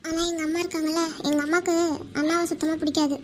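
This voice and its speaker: A woman voicing a young woman in love in a cartoon, who speaks softly and hesitantly. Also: extremely high pitch, little pitch movement, quick pace, background noise. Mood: worried. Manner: soft, hesitant speech. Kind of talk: cartoon voice acting.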